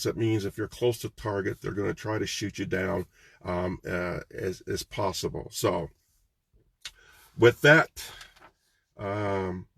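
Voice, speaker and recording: A man's voice: lowish voice, no echo. A man running for office, talking to camera in a loose, conversational campaign vlog, with many ums and restarts. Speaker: political candidate.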